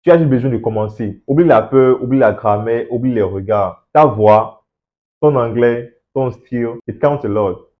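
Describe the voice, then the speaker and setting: A man's voice: mid-range voice, normal speed. Encouraging man coaching with rhetorical questions. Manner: encouraging, rhetorical questions, repeats words when stressing a point. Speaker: host of an English-learning channel. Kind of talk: motivational talk to camera, addressing the viewer directly. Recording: slightly dull, lo-fi sound.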